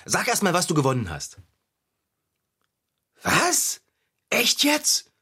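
A man playing a cheerful, optimistic bicycle repairman in a children's radio play, excitable and husky. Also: slow, exaggerated voice. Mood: excited. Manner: excitable, swoops wildly in pitch.

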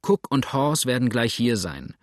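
A man's voice: mid-range voice, sing-song, measured pace, no room sound. Guy doing a grumpy old farmer all flustered, blurting and muttering, dry sound. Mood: flustered grumbling. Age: older. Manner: grumbling, rattled, loud outbursts.

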